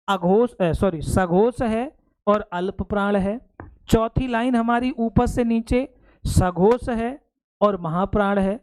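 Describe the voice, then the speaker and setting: एक पुरुष हिंदी शिक्षक, जो परीक्षा की तैयारी के लिए कक्षा में समझाता है और बार-बार पूछता है कि बात समझ आई या नहीं।. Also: male voice, extremely high pitch, a little mellow, clear, resonant tone. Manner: explains step by step, keeps checking understanding; addresses students fondly as "beta". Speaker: Hindi teacher. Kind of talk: exam-prep classroom lecture.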